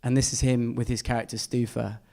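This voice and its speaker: A man's voice: mid-range voice, flat delivery, a little fast, vocal fry, mellow. A man, an artist giving a casual and enthusiastic slide talk full of fillers. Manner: chatty, enthusiastic, many fillers.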